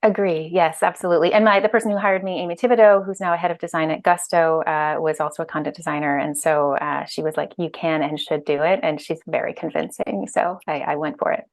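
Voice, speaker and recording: Woman, low voice, chatty, lots of fillers, earphone mic on a video call. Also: fairly even intonation, fast talker, vocal fry, few pauses. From Ireland and Canada. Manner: chatty, many fillers and restarts. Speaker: guest, UX director and author. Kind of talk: casual video-call interview. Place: bright room at home.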